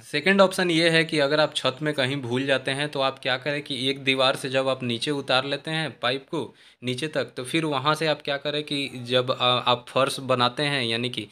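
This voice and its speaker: Here a civil engineering host gives a walkthrough of an unfinished brick house on a building site, filmed handheld on his phone. With a bright, forceful voice of medium pitch, he teaches his viewers about construction mistakes as if talking to friends, with lots of restarts.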